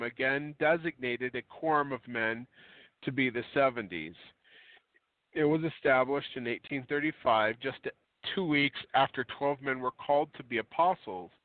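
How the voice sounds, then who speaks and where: A man reading a religious book aloud with digressive asides, often clearing his throat and correcting himself. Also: mid-range voice, dry recording. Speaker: religious radio reader and commentator. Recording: dry tinny phone-line audio.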